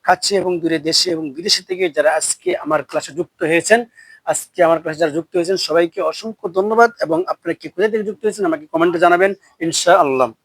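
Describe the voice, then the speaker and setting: A man teaching Quran recitation, spelling out each syllable, then chanting the verses slowly and drawn out, with brisk explanations in between. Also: fairly high pitch, fairly bright tone, no room sound. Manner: brisk explanations between recitations, asks learners to repeat and comment. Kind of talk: spelling-out and slow recitation lesson.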